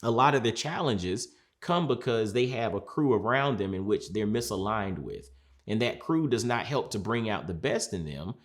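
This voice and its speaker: A man, a mindset coach from Georgia, talking in a reflective sit-down, earnest and measured, repeating phrases for emphasis. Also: lowish voice, very animated. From Georgia, USA.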